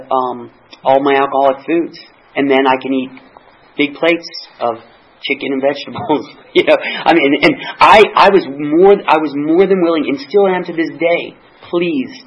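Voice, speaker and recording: A middle-aged man tells his recovery story as a testimony, stumbling over his words and circling back on himself. His voice is husky and sits a bit high for a man. The recording sounds dull and lo-fi. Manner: halting, repeats words and restarts, laughs often. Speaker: speaker sharing a recovery story. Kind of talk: personal testimony.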